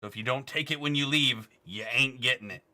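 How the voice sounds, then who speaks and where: A man's voice: medium pitch, a little fast, pushed and bright. A man narrating as game master in a tabletop game, casual and swearing with laughs.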